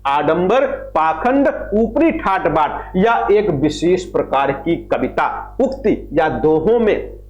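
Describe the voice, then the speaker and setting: A man's voice: on the high side, animated, slow. A man teaching a lecture on Hindi literature, who asks questions and answers them himself and repeats key phrases. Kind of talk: classroom lecture. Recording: roomy, slightly dull recording with faint music.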